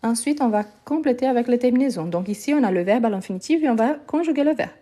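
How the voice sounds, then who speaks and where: A woman's voice: a little high, expressive, quick pace, mellow. A woman teaching French on a live online lesson. She speaks patiently, repeats each word and often praises her learners.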